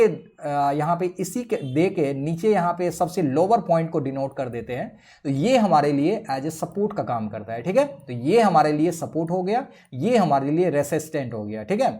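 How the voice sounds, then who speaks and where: A man walks viewers through a price chart in a tutorial. His delivery is animated and rises and falls a lot. He explains step by step and keeps checking in with the audience. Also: high voice. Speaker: trading educator. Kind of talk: screen-share chart tutorial.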